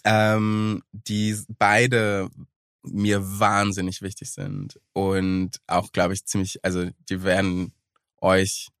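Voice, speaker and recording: Male podcast guest from Germany, lower register, dry close sound, drops American-accented English into casual German chat. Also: no echo. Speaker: guest singer.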